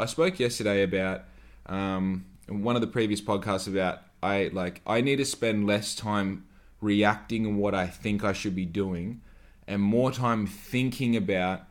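A man in his late twenties hosting a solo podcast, talking in a rambling, profane way full of "like" and loose asides. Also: fairly low pitch. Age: 20s. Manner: rambling, profane, filler-heavy with frequent "like". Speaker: podcast host.

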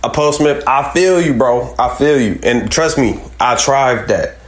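A man's voice: medium pitch, expressive, a little slow, echoey room, noisy background. A man on a live group voice call who speaks with earnest conviction and quotes scripture in a casual debate. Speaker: call-in panelist.

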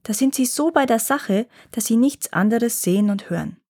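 A wise old gnome grandfather, read by a woman, recounts the old days at an even, unhurried pace. The voice stays close to a plain reading voice, calm and measured. It sounds like a storybook told aloud. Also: a little high, pitched above the performer's own voice. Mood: telling.

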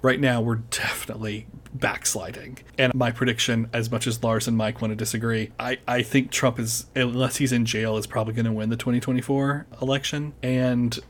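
Animated rambling man chatting. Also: mid-range voice, fairly quick. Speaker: podcast guest. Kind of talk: casual political chat.

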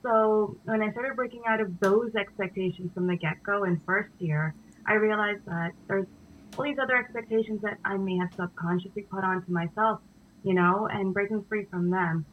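A woman's voice: medium pitch, normal speed, slight background noise. A young woman born in India, a dance company co-founder, answering interview questions thoughtfully with frequent fillers. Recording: dull, lo-fi sound.

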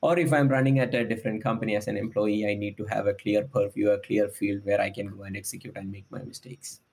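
Guy in his 30s, startup founder on a podcast, kinda husky, lots of ums. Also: lowish voice, little pitch movement, quick pace, a little mellow. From India. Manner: thoughtful, hesitant with frequent ums. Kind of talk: podcast interview.

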